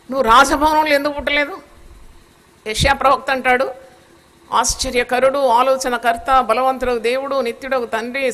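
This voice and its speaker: Forceful high-voiced woman pastor preaching. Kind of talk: sermon.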